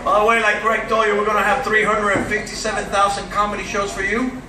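A man's voice: sits high, monotone, quick pace. A man doing a stand-up set on a big theater stage, punchy and teasing the crowd. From Cuba. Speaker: stand-up comedian. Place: large cruise ship theater stage. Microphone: handheld mic, filmed from far back in the hall. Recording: roomy theater sound from far off, loud crowd and noise.

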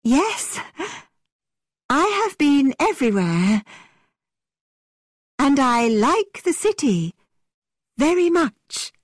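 A woman's voice: high-pitched, big pitch swings, extremely slow, long pauses, dry recording, clean studio sound, voice pushed up, heavily acted. A woman voicing a shy young lady who answers politely while trying not to laugh. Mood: amused.

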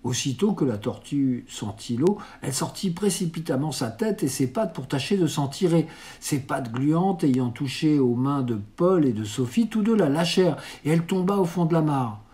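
A man reading a classic children's novel aloud in a steady, even storytelling manner. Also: fairly high pitch, normal speed. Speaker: reader.

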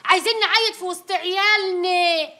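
An actress playing a brash working village woman with an Egyptian Arabic accent, loud and full of rhyming exclamations. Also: very high voice, fairly quick. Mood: bossy.

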